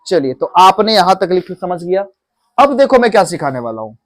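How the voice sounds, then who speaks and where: A man's voice: high-pitched, sing-song, normal speed, no room sound. A man teaching English phrases in a classroom, coaxing and repeating questions to his students.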